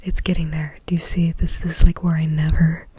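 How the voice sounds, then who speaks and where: A woman of thirty with a slightly nasal voice, doing fast, aggressive ASMR as rambling, chatty whispered asides close to the microphone. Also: low-pitched, level tone, dark tone, husky, no echo. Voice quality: slightly nasal from a recent cold. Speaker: ASMR creator. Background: scratching on the mic cover.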